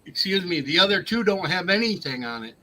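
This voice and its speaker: A man's voice: high voice, big pitch swings, fairly quick, pushed and bright, low-quality recording. A man in his fifties in a casual chat, joking and going into detail. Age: 50s. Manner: joking, chatty, detailed about his finds.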